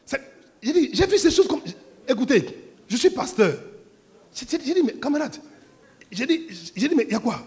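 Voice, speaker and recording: A man's voice: very high voice, moderate pace, long pauses. A man preaching a sermon, telling stories animatedly and acting out scenes. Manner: animated storytelling, acts out scenes, laughs along. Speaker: pastor.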